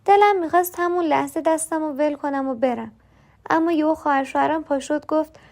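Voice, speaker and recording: High-voiced woman telling a personal story. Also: a little mellow. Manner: confiding, voices other characters in dialogue. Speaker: narrator.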